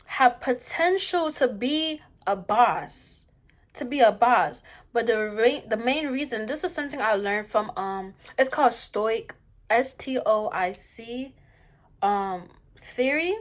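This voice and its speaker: A young woman in a casual opinion monologue to viewers during a mukbang, slangy and emphatic, repeating phrases to drive points home. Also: fairly high pitch. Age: young adult. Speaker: vlogger.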